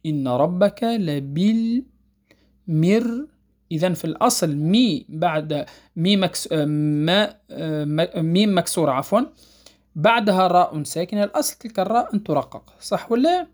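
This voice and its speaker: A woman teaching the rules of Quran recitation. She explains patiently, repeats key points, checks that students follow, and recites verses slowly and melodically. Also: lowish voice, animated. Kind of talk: tajweed lesson explaining rules.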